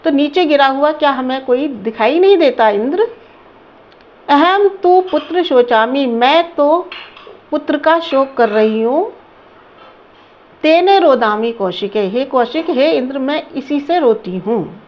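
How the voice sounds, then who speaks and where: Slow high-voiced woman teaching a lesson. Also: lively intonation, highs cut off. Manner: slow, repeats words and asks the class questions. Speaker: Sanskrit teacher. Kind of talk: line-by-line lesson translation.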